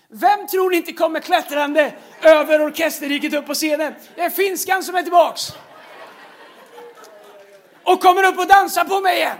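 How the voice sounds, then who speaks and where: High-pitched male preacher, animated storyteller, stumbles through fillers and laughs mid-sermon. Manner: animated, breaks into laughter, frequent fillers and repeated words. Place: large church stage.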